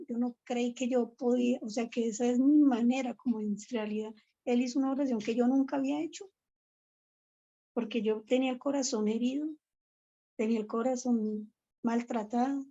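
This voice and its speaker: A woman's voice: on the high side, warm tone, highs cut off. A woman giving an emotional, earnest church testimony and exhortation, with frequent restarts.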